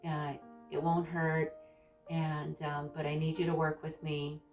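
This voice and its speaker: A woman vlogger casually recounting a personal experience in a halting, hesitant way, searching for her words. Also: sits low, little pitch movement. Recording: distant mic with background music.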